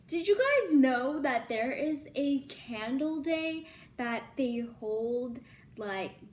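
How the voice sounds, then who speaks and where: A woman in her early twenties chatting casually to viewers in a vlog, full of ums and likes, getting excitable about things she loves. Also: a little high, slight background noise. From born in Libya, Filipino. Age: 20s. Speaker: YouTuber.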